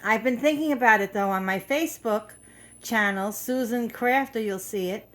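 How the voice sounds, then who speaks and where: A woman's voice: fairly high pitch, normal speed, fairly bright tone. Chatty woman showing her crafts at home. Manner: chatty, rambling, many fillers and restarts. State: out of breath. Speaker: craft video host. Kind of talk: casual show-and-tell.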